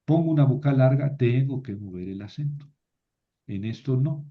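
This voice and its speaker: A man teaching a grammar class in a medium-pitched voice. He patiently repeats each word form aloud and poses questions to his listeners before answering them himself. The recording sounds a little dull and lo-fi. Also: lively intonation, moderate pace. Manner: patient, repeats declension forms aloud, asks rhetorical questions. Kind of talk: classroom lecture.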